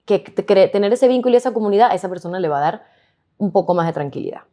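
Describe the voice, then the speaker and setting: A Venezuelan woman co-hosting a casual podcast, telling stories in a slangy, lively way full of quoted asides. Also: mid-range voice, racing. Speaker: podcast co-host.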